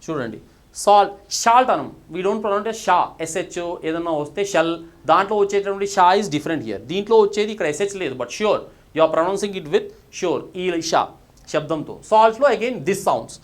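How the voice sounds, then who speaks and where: A man's voice: sits high, lively intonation, moderate pace. A man with a Telugu accent teaching English pronunciation in a recorded video lesson. He moves between Telugu and English, asks the class questions and then answers them himself.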